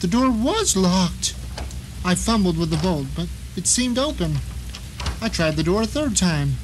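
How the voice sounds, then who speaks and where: A man with a high-pitched voice, big pitch swings and a slightly slow pace plays a bitter, paranoid blind novelist in an audio drama, narrating his nightmare in a wry, grumbling, theatrical way that sounds confused and irritated. The audio is poor, with noticeable rain and ambient noise behind him.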